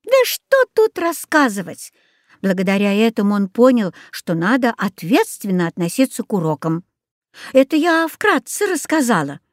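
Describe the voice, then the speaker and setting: A woman's voice: medium pitch, sing-song, normal speed, no room sound, clean studio sound, close to an everyday voice. A woman voicing a prim, smug schoolgirl who reports matter-of-factly. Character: prim know-it-all schoolgirl.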